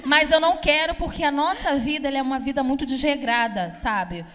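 High-voiced brash woman doing stand-up. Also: brisk, fairly bright tone, big-room sound. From Brazil. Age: young adult. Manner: brash, chatty, crowd-teasing, swears freely. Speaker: stand-up comedian. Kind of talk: stand-up comedy set. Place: comedy club stage. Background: audience laughter.

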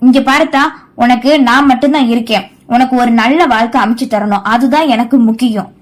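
A gentle old grandfather in an audio novel, soothing and firm with his family, as a woman reader voices him. The voice stays high-pitched. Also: steady tone, fairly quick, lightly acted. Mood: consoling. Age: older. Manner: soothing, consoling.

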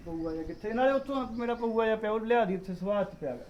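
A man's voice: high-pitched, animated, fast talker, lo-fi sound, a little hiss or hum. A man playing a quarrelsome drunken village husband, speaking with a Punjabi accent. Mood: angry. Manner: loud, quarrelsome, slurring drunk. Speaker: drunk husband arguing with wife and mother.

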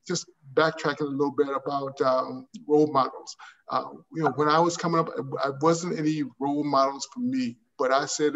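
An older man speaking on a video call from home as an artist panelist, animated and repeating words as he searches for phrasing. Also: medium pitch. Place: home room with framed pictures. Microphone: video call webcam. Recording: distant, dull webcam audio.

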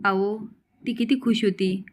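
A caring young village wife, told by a woman storyteller, gentle and worried. Her voice sits at an ordinary pitch and pleads softly. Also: fairly even intonation, unhurried, natural voice. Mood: worried, pleading.

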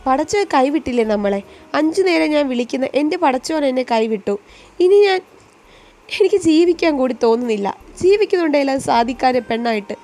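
A woman's voice: high-pitched, a little mellow, a little hiss or hum. A woman voicing a heartbroken young woman who pleads emotionally with her beloved. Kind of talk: storytelling voice acting.

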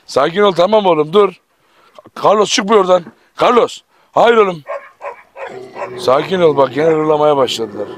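A man filming a casual vlog, talking to viewers while firmly telling his dogs to calm down. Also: a little high, normal speed, long pauses. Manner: tense, repeatedly commanding dogs to calm down. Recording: loud background noise with barking dogs. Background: dogs barking and growling.

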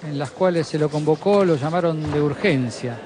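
Male boxing commentator over clear venue noise. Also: on the high side, normal speed. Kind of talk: conversational live sports analysis.

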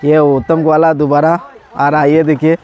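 Crowd noise fills the background as a fairly high-pitched man, in his forties and suffering from a cold, vlogs at an outdoor water park. He records himself on a phone at arm's length, chatting excitedly, often breaking into laughter and filler pauses.

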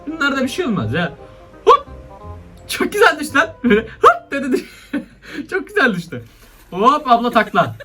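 Laughing and exclaiming often, a young man gives slangy, laid-back commentary as a YouTuber reacting to funny video clips. His voice sits high and has a sharp tone.

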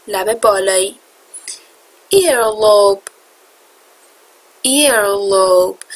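Female teacher, a bit high and breathy, repeat-after-me vocabulary drills. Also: a bit bright, poor audio. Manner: says each word slowly and clearly, then gives its meaning; stretches out key English words for learners to repeat. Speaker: English teacher.

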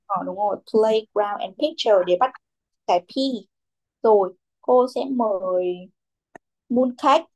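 A woman's voice: mid-range voice, slow pace, pauses often. A young woman teaching a children's English class, who calls on pupils by name, repeats their answers and mixes English words into her instructions.

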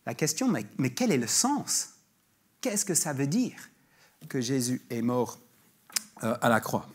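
A man preaching a sermon at church, in a husky voice of ordinary pitch. He talks to the congregation conversationally, with restarts and fillers. When he reads scripture he slows down and leans into each word. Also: big pitch swings. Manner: reads scripture slowly and emphatically. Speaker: guest preacher. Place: church sanctuary.

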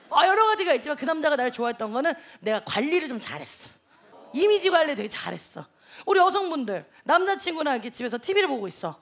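A man's voice: very high voice, creaky, full character voice. A comedian playing a brash, chatty young female online-lecture teacher who teases a live audience in a TV comedy sketch. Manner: loud, bragging, teasing the audience. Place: TV comedy stage. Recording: studio audience laughter and noise.

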